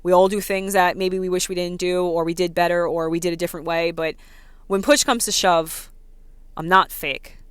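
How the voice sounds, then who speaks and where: A woman in her thirties with a New York accent, ranting casually to her vlog audience, talking fast and packing her speech with "like" and "you know.". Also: on the low side, fairly even intonation, clear, resonant tone, no room sound. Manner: fast, filler-heavy talk with many "like"s and "you know"s. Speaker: vlogger. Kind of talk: casual rant to camera.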